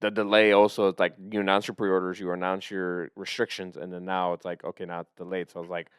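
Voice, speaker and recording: A man with a low, smooth voice, chatting casually on a podcast. He rambles and gets excitable, trailing off mid-thought and starting over. The sound is dry and close. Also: fast talker, no echo. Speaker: podcast co-host. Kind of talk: casual chat.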